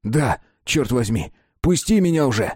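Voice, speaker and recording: A man's voice: mid-range voice, big pitch swings, measured pace, darkish tone, breathy edge, no room sound, voice pushed up. A male reader plays an angry, exasperated man whose tongue keeps betraying him, so words come out jumbled and stumbling. The voice sits a bit above the reader's own and stays dry and close. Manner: stumbling, tripping over words.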